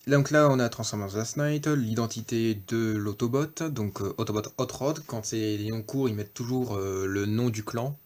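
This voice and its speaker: A man's voice: medium pitch, normal speed, hardly any pauses, a little mellow. A man giving a casual off-camera toy review, hesitant, with many fillers and self-corrections.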